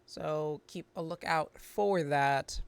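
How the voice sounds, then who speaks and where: A woman's voice: sits low, slow pace, creaky, clean tone, no room sound. A woman hosting a game stream in a casual, rambling, conversational way. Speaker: streamer hosting a morning show. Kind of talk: casual gaming stream commentary, reading game dialogue aloud. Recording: music playing behind the voice. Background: background music.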